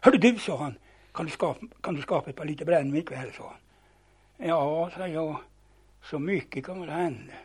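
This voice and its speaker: Husky, fairly high-voiced older man. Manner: animated yarn-spinning, acting out dialogue, repeats and restarts words. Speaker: storyteller. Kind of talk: spoken reminiscence, telling old anecdotes.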